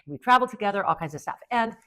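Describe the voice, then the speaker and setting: Her voice is medium in pitch, bright and pushed, with lively intonation and a rapid-fire delivery. She's an Amazon influencer in her fifties guesting on a podcast, casually rambling through stories full of fillers.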